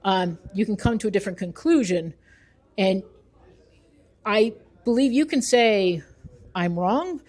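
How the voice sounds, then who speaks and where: Speaking a little slowly with long pauses, this middle-aged author and researcher has a mid-range voice with a darkish tone. She answers interview questions conversationally, in an emphatic, opinionated, explanatory manner.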